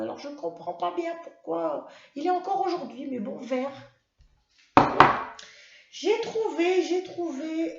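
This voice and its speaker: A woman voicing an eager, chatty little schoolgirl in a high, squeaky voice, hesitating with many fillers. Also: echoey room, lo-fi sound, full character voice.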